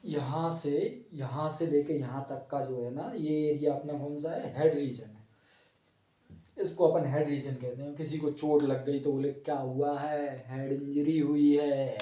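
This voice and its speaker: A man's voice: fairly high pitch, dark tone, distant mic. Playful Hindi-speaking man teaching in an echoey room. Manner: playful, self-mocking, chatty. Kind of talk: joking informal class, drawing on a board.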